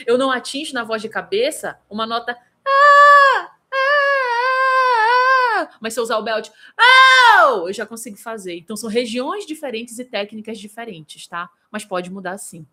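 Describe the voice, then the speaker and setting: A woman's voice: medium pitch, fairly quick, hardly any pauses. A woman vocal coach in Brazil, teaching a live singing lesson and answering viewers by name. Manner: lively, demonstrative, breaks into vocal examples.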